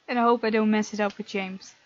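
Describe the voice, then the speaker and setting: With game music behind her and a slightly dull sound, a woman hosts a gaming video, reading its text aloud and reacting playfully and casually to the characters. Her medium-pitched voice is very animated, her pace moderate, with no echo.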